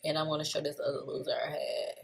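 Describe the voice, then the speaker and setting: Low-voiced woman casually recapping trades. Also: quick pace, slight background noise. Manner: relaxed, chatty, laughs at herself. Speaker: trader reviewing her trades. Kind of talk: casual screen-share trading recap.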